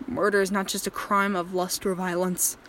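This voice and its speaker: Her fairly low voice is flat and moderately paced, near her everyday sound, as a woman voices a possessive, volatile male killer for an erotic horror audio drama. The delivery is controlling and threatening, softly menacing, slipping from quiet speech into rage.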